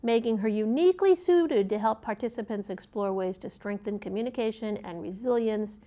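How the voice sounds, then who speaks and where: A woman co-hosting and reading community event announcements in a conversational, slightly halting way. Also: on the high side, mellow. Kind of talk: conversational announcements, read from notes.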